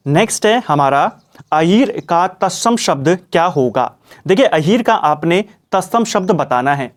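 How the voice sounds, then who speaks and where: A young man with a high voice teaches an exam-prep grammar lesson. He explains each answer step by step and keeps reminding students what to remember. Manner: explanatory, repeats "ठीक है" and "ये आपको याद रखना है".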